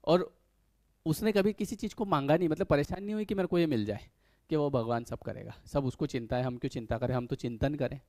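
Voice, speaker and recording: A man's voice: on the high side, a little fast, darkish tone, no echo. A man giving a conversational motivational spiritual talk, earnest, full of rhetorical questions and little acted-out quotes.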